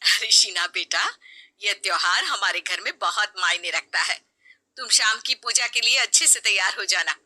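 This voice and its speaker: A woman voicing a kind middle-aged mother-in-law who speaks softly and patiently. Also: mid-range voice, big pitch swings, a little slow, heavily acted. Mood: gentle. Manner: soft, patient, explaining.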